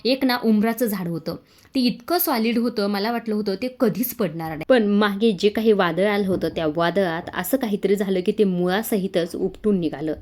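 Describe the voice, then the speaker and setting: A woman reads a guarded young woman guest from a family serial. She answers evasively, with soft, pointed remarks, close to the narrator's own voice. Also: mid-range voice, moderate pace, close to an everyday voice.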